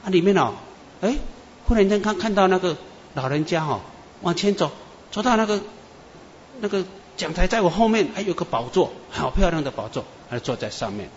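A man preacher, telling dream testimonies in an animated storytelling sermon. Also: high-pitched, brisk, a little hiss or hum. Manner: animated storyteller, many "啊" and "哈" tags. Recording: echoey muffled hall with faint ambience.

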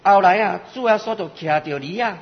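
A man preaching a sermon in short phrases, pausing for interpretation, in a church hall. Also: high-pitched, slightly rough. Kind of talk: sermon in Taiwanese Hokkien. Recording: lo-fi recording with long hall reverb.

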